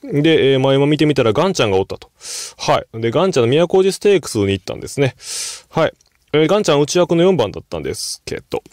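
A man's voice: a little high, very animated, very fast, a little mellow, no room sound, clean studio sound. A man with a Kansai accent, hosting casual horse-racing betting commentary in a rambling, self-deprecating way. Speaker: host.

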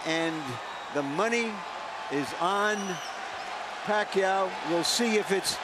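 Male fight commentator, raised high voice, live broadcast analysis, very loud arena noise. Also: animated, slow pace. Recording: very noisy arena, loud crowd. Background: loud crowd.

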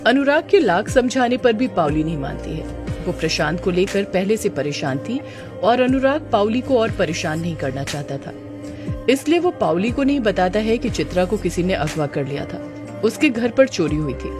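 A woman narrating an audio story in a steady, descriptive way at a middle pitch. Her delivery is scripted and even, with background music running under the voice. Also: normal speed.

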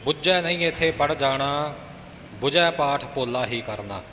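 Bright-voiced man teaching scripture recitation. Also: medium pitch, expressive, moderate pace. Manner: patient, corrective, half-sung examples. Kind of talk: explaining pronunciation and meaning. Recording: reverberant room with faint noise.

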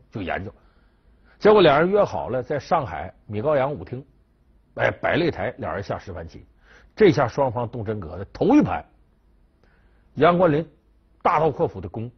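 Husky man telling lively stories. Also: medium pitch. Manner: lively storyteller, acts out quoted speech. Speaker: chess history commentator. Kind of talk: storytelling commentary. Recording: dull lo-fi recording.

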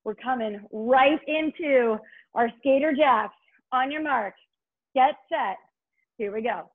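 A woman with a breathy voice works as an aerobics instructor, leading a workout with upbeat, encouraging cues and urging commands. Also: high-pitched, slow pace, narrow, tinny audio. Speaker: fitness instructor and host.

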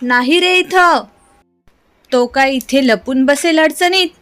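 A woman reading aloud and voicing a group of eager village boys calling out loudly for their friend. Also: high-pitched, takes it slowly, soft background music. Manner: excited calling out.

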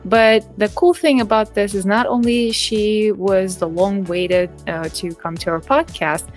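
A woman's voice: medium pitch, fairly even intonation, unhurried, soft background music. Woman co-host with an Eastern European accent. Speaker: podcast co-host. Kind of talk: casual podcast conversation.

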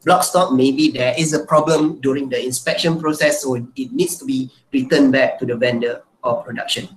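A man's voice: mid-range voice, fairly even intonation, normal speed. A male university lecturer, explaining slides in an online lecture and often saying "let's say, for example". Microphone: computer mic on a video call. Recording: echoey room with faint hiss.

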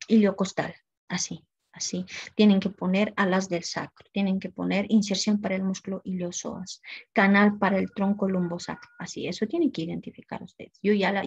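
A woman's voice: medium pitch, creaky, husky. A woman teaching an anatomy class online, repeating her instructions with emphasis over muffled video-call audio. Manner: repetitive, emphatic, drills instructions. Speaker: university anatomy lecturer.

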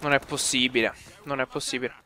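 A young man giving excitable live gameplay commentary, swearing and talking to his viewers. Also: mid-range voice, fast talker, a little hiss or hum. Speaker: gaming youtuber.

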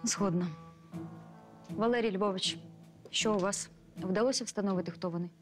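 An actress playing a composed female prosecutor's investigator in a docudrama reenactment, questioning witnesses in a brisk, businesslike way. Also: mid-range voice, natural voice. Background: music.

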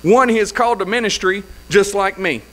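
A man's voice: sits high, a little fast, fairly bright tone, low-quality recording. A man pastor preaching a sermon in a church, opening in prayer and retelling scripture with emphatic repetition. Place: church sanctuary.

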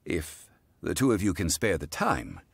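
A man voicing an ancient god living as a calm, dignified mortal, speaking in measured, formal sentences. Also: low-pitched, creaky, slight background noise, heavily acted. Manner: measured, formal, stately speech. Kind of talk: video game voice acting.

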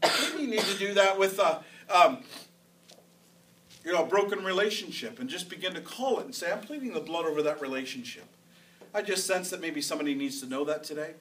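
A man with a high voice preaches to his church in a relaxed, conversational way, repeating phrases to drive points home. He sounds a little distant from the microphone, with a faint hiss of room noise under his voice. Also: a little fast. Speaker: pastor. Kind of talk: sermon. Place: church sanctuary.

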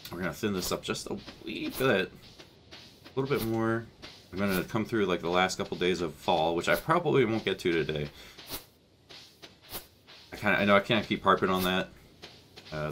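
The low-pitched voice of a man in his thirties comes with slight background noise and game music underneath. Nasal from a cold, this gaming channel host plays a farming game on a headset mic, rambling in a relaxed way and thinking aloud in casual let's-play commentary.

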